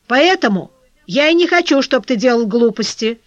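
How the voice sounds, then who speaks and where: A sly, scheming crook who drops hints and keeps his secrets, as a narrator puts him on. His pitch swings up and down, and the audiobook recording is dull and completely dry. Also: expressive, normal speed, no room sound, close to an everyday voice. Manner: secretive, insinuating. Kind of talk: audiobook character voice.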